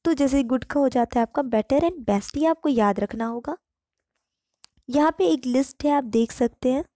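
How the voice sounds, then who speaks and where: A woman teaching English grammar in Hindi. She reads the English example sentences slowly and clearly. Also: sits high, warm tone, no echo, clean studio sound. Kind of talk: online grammar lesson.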